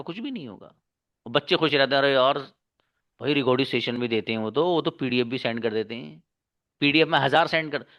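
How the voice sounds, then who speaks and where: An online English teacher with a medium-pitched, fairly bright voice urges his students on in an earnest, coaxing motivational talk, addressing them as brother and daughter. It's picked up on an online class mic.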